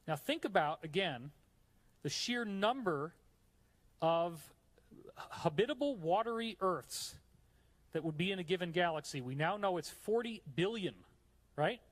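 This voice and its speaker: A man from New York giving a live lecture with slides in a hot room, explaining eagerly and chatting to the audience between points. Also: high-pitched. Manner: enthusiastic, chatty asides to the audience. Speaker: conference speaker.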